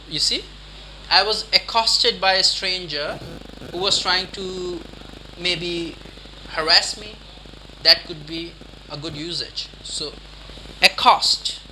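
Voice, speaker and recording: Slow, bright-voiced male vocabulary teacher. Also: sits high, a little hiss or hum. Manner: slow, repeats words deliberately, quizzes the listener. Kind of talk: instructional vocabulary lesson.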